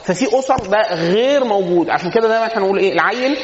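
A man's voice: high-pitched, very fast, background noise. A man with an Egyptian accent giving a casual religious lecture on family life. He talks with humor and keeps answering his own rhetorical questions. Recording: echoey hall, dull lo-fi sound.

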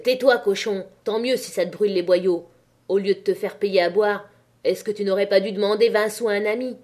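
A woman's voice: fairly high pitch, steady tone, normal speed, close to an everyday voice. Woman voicing a coarse, scolding miner's wife. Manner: scolding, swearing.

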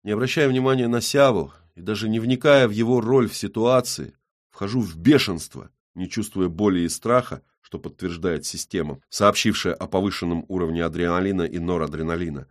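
A man reads a first-person audiobook in a gritty, tense way. His voice sits fairly low and he carries the action along. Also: a little fast. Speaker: audiobook narrator.

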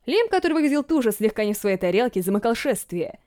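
Expressive woman narrating an audiobook. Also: a little high, quick pace. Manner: expressive storytelling.

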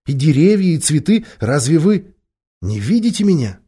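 A male reader voices a kind young girl queen in a storybook, earnest and gently pleading. The tone is mellow and only slightly raised above the narration. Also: on the high side, big pitch swings, normal speed, husky, voice pushed up. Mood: gentle, pleading.

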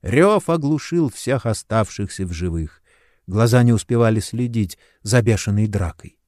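A man reading an audiobook aloud in a steady, even voice. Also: fairly low pitch, moderate pace, no echo, studio quality. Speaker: audiobook narrator. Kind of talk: scripted narration.

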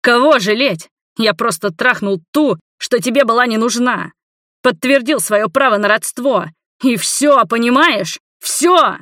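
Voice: medium pitch, measured pace, no room sound, studio quality. A reader voicing a heartbroken young man who cries out in raw anguish in an audiobook. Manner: anguished shouting, then hushed.

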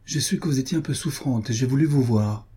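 A man reading the part of a scheming baroness who speaks with honeyed, feline flattery in a storybook novel. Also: medium pitch, brisk, slightly rough, pitched above the performer's own voice. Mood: falsely sweet. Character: scheming older baroness, falsely sweet.

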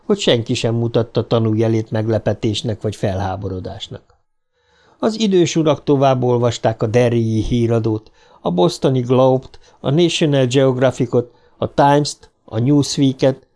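A man reading an audiobook as its narrator, with steady storytelling. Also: mid-range voice. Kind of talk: scripted narration.

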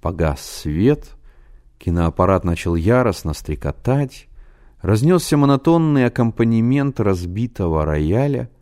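Man, narrator, scripted reading, low pitch, animated intonation, expressive. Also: unhurried.

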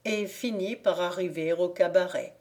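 A woman narrating an audiobook tale in a measured, even reading voice. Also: on the low side. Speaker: audiobook reader. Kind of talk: scripted narration of a classic tale.

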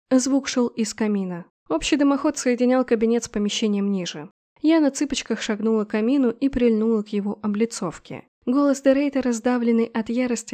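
A woman's voice: on the high side, warm tone. Woman narrating a fantasy audiobook.

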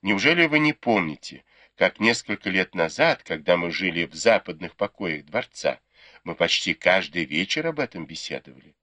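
A soft-spoken young maidservant, coaxing and wistful, as a man reads her. The pitch swings up from a low base with bright edges. Close, dry sound. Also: sing-song, normal speed, no echo, exaggerated voice. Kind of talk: audiobook character reading.

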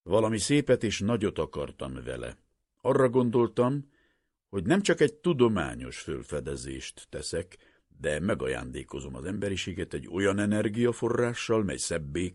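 A man voicing an older, troubled professor who speaks slowly and solemnly, with earnest pleading. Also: deep voice, darkish tone, husky, no room sound, clean studio sound, full character voice. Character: older male professor, grave and troubled scientist.

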